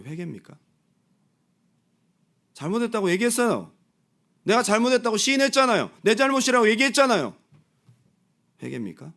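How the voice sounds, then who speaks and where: A male pastor preaching a sermon, asking the congregation direct questions and swinging from loud exclamations to soft asides. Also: very high voice, animated, fast.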